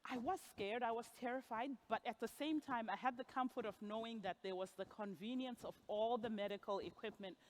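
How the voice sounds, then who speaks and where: Speaking briskly with hardly a pause, this Zimbabwean woman in her forties has a slightly high voice, with a little hiss or hum in the recording. She's on stage at a gala event hall, telling a personal story and laughing at her asides.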